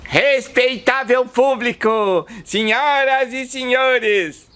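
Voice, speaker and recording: A man playing a playful, showy ringmaster who announces an act in a grandiose, drawn-out theatrical way. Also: extremely high pitch, pushed and bright, full character voice. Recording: clear background noise and ambience.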